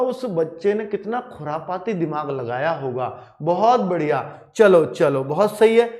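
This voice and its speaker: A man teaching a Hindi grammar lesson for exam students, calling them children and repeating key points with checking questions. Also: high voice. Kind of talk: classroom lecture to exam students.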